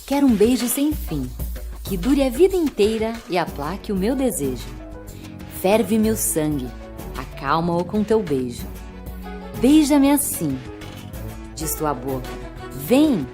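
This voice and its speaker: A woman slowly reciting poems with expressive delivery. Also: medium pitch. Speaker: poetry reader. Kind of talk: recited poetry over music. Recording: music bed behind voice.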